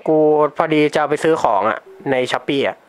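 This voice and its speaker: A man's voice: fairly high pitch, normal speed, slight background noise. A teenage boy talking casually and chattily in a prank vlog, laughing often and using slang. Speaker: YouTuber prank caller. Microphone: desktop computer mic.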